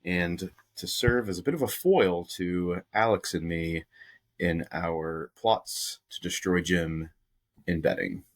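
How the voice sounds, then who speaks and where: A man's voice: sits low, slow pace. A man hosting a podcast, leading a casual sports betting chat with playful, jokey banter and frequent laughs. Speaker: podcast host.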